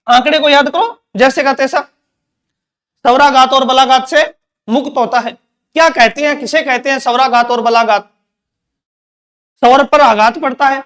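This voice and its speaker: A man's voice: very high voice, a bit bright. A man teaching Hindi grammar in an exam-prep lecture, repeating points and quizzing with rhetorical questions.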